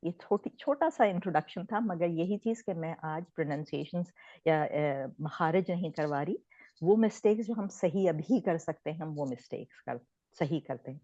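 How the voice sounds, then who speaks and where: This woman's voice is fairly low and mellow, with lively intonation and no echo. She teaches Quran recitation online from Pakistan in a relaxed, conversational way, dropping in English words, over dull lo-fi audio.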